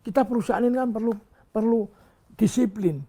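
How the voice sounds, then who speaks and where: A man's voice: sits high, fairly quick, warm tone. Older man, moralizing father in an interview, scolding, repeats himself, rhetorical tags. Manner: repetitive, tag questions, rhetorical asides. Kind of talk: emotional interview statement.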